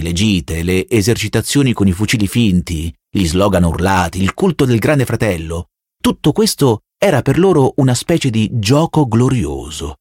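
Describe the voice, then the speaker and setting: A man narrating an audiobook with measured, expressive storytelling. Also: lowish voice, dry recording, clean studio sound. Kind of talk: scripted narration.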